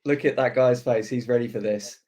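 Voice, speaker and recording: Mid-pitched man in casual banter. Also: steady tone, a little fast, mellow.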